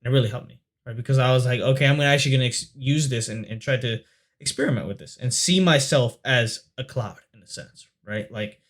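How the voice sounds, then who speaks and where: Guy rambling on his reaction channel, mid pitch, loose and chatty, swears now and then. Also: fast talker, a bit bright. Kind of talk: casual reaction commentary.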